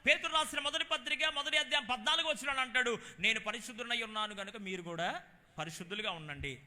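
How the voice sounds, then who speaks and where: A man with a Telugu accent preaching a sermon, swinging between loud exclamations and low, quiet asides. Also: long reverb tail. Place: church hall.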